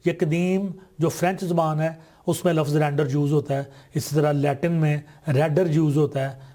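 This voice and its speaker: Pakistani male tutor, mellow, slightly high voice, reads English lines slowly. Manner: slow, deliberate reading of English sentences. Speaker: teacher. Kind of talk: explaining textbook exercises.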